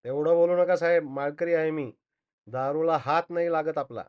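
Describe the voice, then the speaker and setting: A man's voice: on the high side, moderate pace, lightly acted. A man voicing a flustered truck driver who pleads that he is not at fault, in a slightly dull recording. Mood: indignant. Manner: pleading, earnest. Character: flustered male truck driver defending himself.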